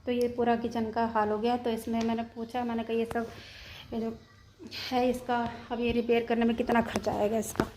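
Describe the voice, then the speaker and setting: A woman's voice: on the high side, level tone, normal speed, noisy background. A woman vlogging from her home kitchen, talking to her viewers in a shaken, anxious way. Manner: shaken, retelling a scare at length, anxious. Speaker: vlogger, mother. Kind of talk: casual home vlog, talking to camera.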